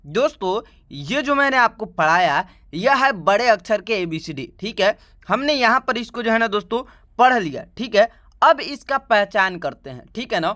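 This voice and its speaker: A man's voice: sits high, big pitch swings, moderate pace, sharp tone. A man teaching English letters in an online lesson, chatty, checking in with "right?" after nearly every phrase. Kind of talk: YouTube lesson, reciting the alphabet.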